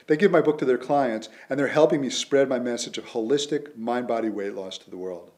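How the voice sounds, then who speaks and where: A man, an author, delivering a scripted promotional pitch in an earnest, persuasive way. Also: a little fast, a little mellow. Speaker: author promoting his method.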